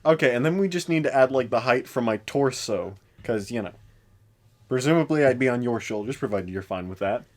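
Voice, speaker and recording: A man's voice: medium pitch, expressive, brisk. A man co-hosting a podcast in casual chat, joking and often laughing through his words. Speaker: podcast co-host.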